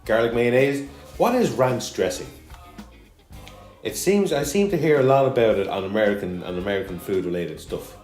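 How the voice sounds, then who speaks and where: A lower-pitched man chats his way through a cooking show, joking and wandering off topic as he goes. His voice bounces around a roomy home kitchen, with faint music under it. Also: a little mellow. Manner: joking, rambling, chatty. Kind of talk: casual cooking chat.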